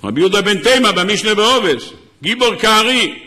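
A man's voice: high-pitched, lively intonation, sharp tone. A man, a rabbi, giving an impassioned sermon, sometimes crying out. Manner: impassioned preaching, crying out in places.

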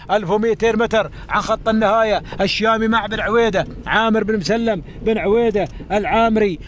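High-voiced race commentator. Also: male voice, a little hiss or hum. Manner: fast, repeating names and phrases, rising excitement.

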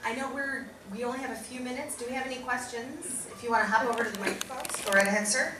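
A woman moderating a convention panel, upbeat and brisk as she calls for questions. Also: fairly high pitch, distant mic. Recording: echoey hall, crowd and loud noise.

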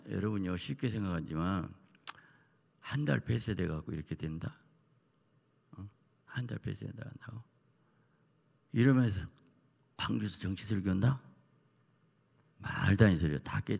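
Middle-aged male pastor, low gravelly voice, loose storytelling sermon style. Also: darkish tone. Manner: rambling, personal storytelling with asides. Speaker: senior pastor. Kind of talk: early-morning sermon, conversational.

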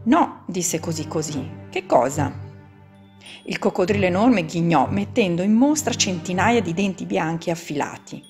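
A woman reading a children's story aloud, expressive and lively, as a podcast host. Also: fairly low pitch, moderate pace, hardly any pauses. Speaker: children's book reader. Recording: soft background music.

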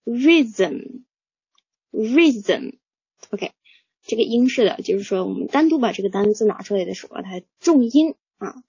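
A woman teaching English vocabulary, slowly drilling word pronunciations and explaining them patiently to learners. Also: mid-range voice, mellow, breathy edge, no echo. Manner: slow, patient, drills words aloud. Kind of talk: pronunciation lesson, repeating words. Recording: dull, lo-fi, dry.

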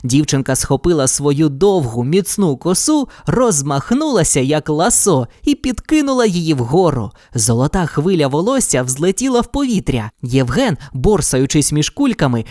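Woman storyteller, low voice, lively intonation, dry close recording, children's story narration. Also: normal speed, few pauses, no room sound.

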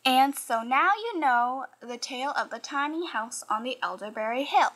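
A woman reading a children's picture book aloud in an expressive, sing-song way. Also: sits high, moderate pace, rough recording.

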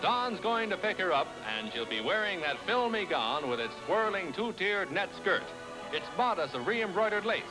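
High, lively 1940s newsreel announcer man. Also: moderate pace, low-quality recording. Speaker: newsreel narrator. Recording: narration over loud music.

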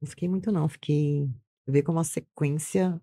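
A woman's voice: low voice, fairly even intonation, fast, dark tone. A woman giving an intense personal testimony as an interview guest, repeating phrases and acting out what she once said. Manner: intense, repeats phrases, acts out her own past words.

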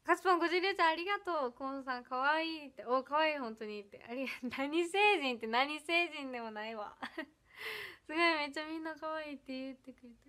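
A young woman with an Ehime Iyo accent tinged with Kansai chats on a casual livestream from her home. Her voice sits high, and she giggles a lot as she reads out viewer comments. Many of her lines fade off into a soft murmur. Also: animated, a little fast. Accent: Iyo dialect of Ehime mixed with Kansai. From Ehime, Japan. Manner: bubbly, giggly, often trails off softly. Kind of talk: casual birthday livestream chat.

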